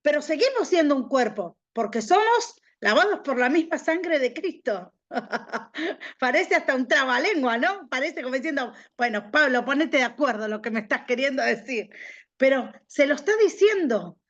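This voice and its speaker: High-voiced woman, emphatic preaching teacher, dull lo-fi recording. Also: animated, moderate pace. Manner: emphatic, repeats key phrases for stress. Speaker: prophet teaching a training class. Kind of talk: preaching-style Bible class.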